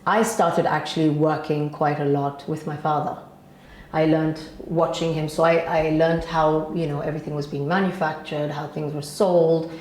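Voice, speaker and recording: Deep-voiced woman in an echoey room. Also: little pitch movement, normal speed, a little mellow. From Ghana. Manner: chatty, with frequent fillers and restarts. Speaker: interview guest from the energy industry. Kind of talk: interview answers.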